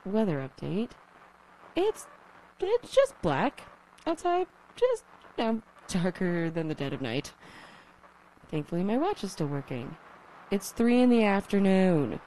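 A woman's voice: mid-range voice, huge pitch swings, measured pace, pauses often, mellow, slight background noise, rough recording. A woman playing a young survivor who broadcasts alone on the radio, rambling and self-deprecating, swearing when flustered, in an audio drama. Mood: wry. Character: young woman survivor, lonely, nervous, wry.

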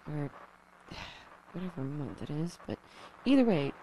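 A woman's voice: sits low, lively intonation, unhurried, warm tone, slight background noise, poor audio. A woman playing a young survivor who broadcasts alone on the radio, rambling and self-deprecating, swearing when flustered, in an audio drama. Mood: wry. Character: young woman survivor, lonely, nervous, wry.

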